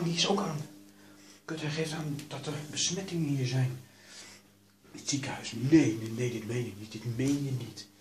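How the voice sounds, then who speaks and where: A man commentates his role-play at a middling pitch. He sounds jumpy, swears a lot and keeps telling himself to stay calm, over a steady layer of background noise. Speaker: gamer doing a role-play.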